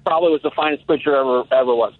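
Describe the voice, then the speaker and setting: Racing along in a mid-range voice, a caller in his sixties has a casual, reflective chat on a talk show phone-in, restarting again and again. The line is tinny.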